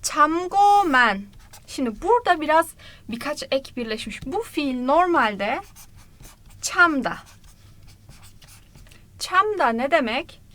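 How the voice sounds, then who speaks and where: Woman, high-pitched, lively language teacher walking viewers through lyrics piece by piece. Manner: lively and explanatory, addressing viewers directly; breaks Korean phrases into parts, repeating them slowly. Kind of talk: explaining song lyrics in an online lesson.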